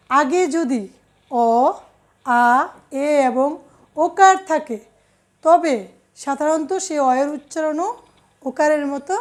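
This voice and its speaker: A woman teacher giving an online grammar lesson, slowly and deliberately reading out lists of example words. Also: high-pitched.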